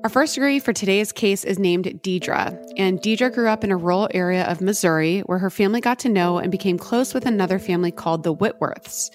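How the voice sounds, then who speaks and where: A woman's voice: mid-range voice, fairly quick, hardly any pauses, soft background music. An American woman hosting a true crime podcast, moving between chat and scripted reading. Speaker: podcast host.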